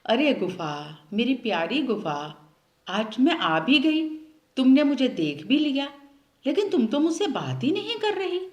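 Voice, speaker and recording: A woman's voice: medium pitch, very animated, a little slow, dull audio. A woman voicing a clever female fox who coaxes and pleads in a sweet, sing-song way in a storybook tale. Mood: sweet coaxing. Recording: roomy echo.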